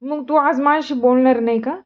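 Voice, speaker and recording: Woman, high voice, mother gently coaxing her child on a home vlog. Dull lo-fi phone audio. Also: steady tone, a little fast. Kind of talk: casual family vlog chat.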